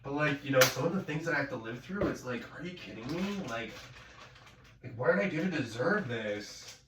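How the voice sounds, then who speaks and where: A man's voice: mid-range voice, animated, fairly quick, fairly bright tone, a little hiss or hum. A young man rambling and ranting profanely while cooking at home, full of fillers. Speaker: vlogger. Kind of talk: rambling cooking vlog rant. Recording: echoey room, mic at a distance.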